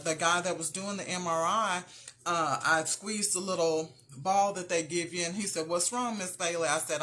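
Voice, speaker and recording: A motivational show host, a woman with a lowish and slightly bright voice, delivers an earnest, encouraging faith-based talk directly to her listeners.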